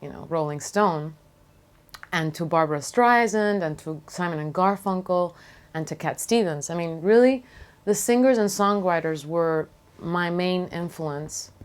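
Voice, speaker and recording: In an interview, a female singer-songwriter from Venezuela talks reflectively with a smooth, lowish voice. Her speech is considered and hesitant, often breaking off partway through a phrase.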